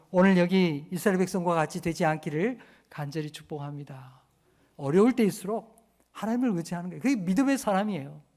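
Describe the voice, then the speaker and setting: A high-pitched man preaches a sermon to his congregation. He keeps it conversational and often poses rhetorical questions to the room. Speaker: pastor. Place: church sanctuary.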